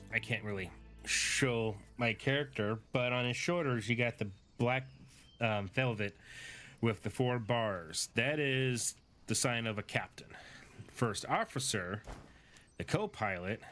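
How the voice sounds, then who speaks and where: A man's voice: mid-range voice, a little slow, fairly bright tone. A tired young man casually commenting on his game, thinking aloud with fillers as he goes. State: tired, yawning. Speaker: gaming streamer. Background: game music.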